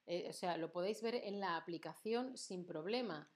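Her voice sits fairly low, with a darkish tone and a moderate pace. A young woman from Andalusia in southern Spain, she gives a live-stream Spanish lesson in a neutral standard accent, chatting, quizzing viewers and reading out the chat.

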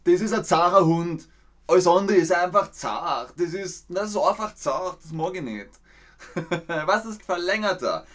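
A man's voice: on the high side, a bit bright. A man from Austria, hosting a livestreamed dialect quiz in a playful, encouraging way. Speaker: quiz host teaching dialect words.

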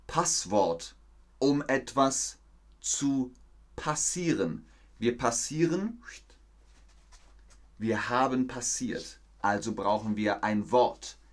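Man, language teacher, live stream, very slow deliberate pace, repeats words, encouraging. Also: mid-range voice. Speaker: German teacher.

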